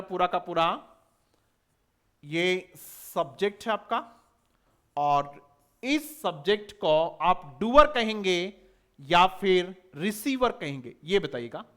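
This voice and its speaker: A man's voice: high-pitched, sing-song, takes it slowly, fairly bright tone. A man giving an exam-prep English lecture, spelling words out and firing rhetorical questions at students. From India. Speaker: English teacher.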